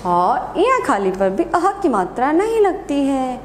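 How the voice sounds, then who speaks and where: A woman Hindi teacher giving a slow, sing-song lesson to young children, asking questions and answering them herself. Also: high voice, very animated, echoey room, a little hiss or hum.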